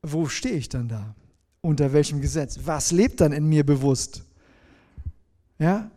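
A man delivers a sermon conversationally, posing questions to his listeners and slowing on key phrases. His voice is slightly high and mellow.

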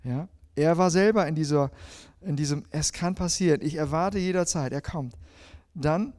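A man delivers a sermon in a mellow, warm voice pitched a bit high for a man. He reads scripture aloud and speaks straight to the listener, swinging between emphatic passages and hushed ones. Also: moderate pace. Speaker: preacher.

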